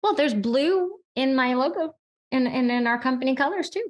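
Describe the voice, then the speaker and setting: A woman's voice: sits high, lively intonation, normal speed. A woman hosting a podcast, moving between scripted lines and casual chat. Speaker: podcast host, privacy consultant.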